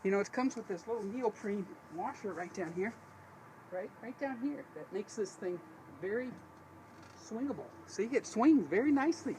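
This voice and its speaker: Outdoors beside a vehicle, an American man hosts a DIY video, giving a casual, folksy how-to demonstration that rambles and often corrects itself. His voice is high-pitched and darkish, with lively intonation at normal speed, captured in noisy on-location camera audio.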